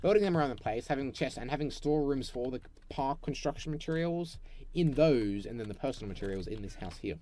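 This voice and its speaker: A man's voice: medium pitch, animated, fast, dark tone. A young man hosting a Minecraft let's play, chatting, humming and talking to himself playfully as he builds. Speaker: gaming channel host.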